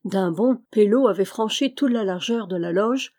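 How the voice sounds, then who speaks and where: A woman narrating an adventure novel as an audiobook, steady and clear. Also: mid-range voice, moderate pace. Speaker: audiobook reader. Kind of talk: scripted narration.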